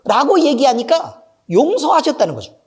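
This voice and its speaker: A middle-aged pastor tells a story during his sermon, addressing asides to the congregation. He moves between loud, emphatic bursts and quiet, low remarks, speaking at a moderate pace with a sing-song lilt.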